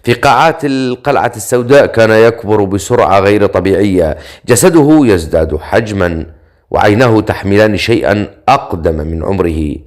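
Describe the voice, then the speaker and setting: A man narrating a dark fantasy novel in a measured, dramatic reading style with drawn-out pauses. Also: fairly low pitch, expressive.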